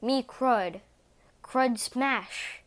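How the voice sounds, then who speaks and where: A dim, gruff male cat villain from a storybook, lonely under the bluster, who talks in blunt broken caveman grammar, read out by a woman. He speaks slowly and sits a little high.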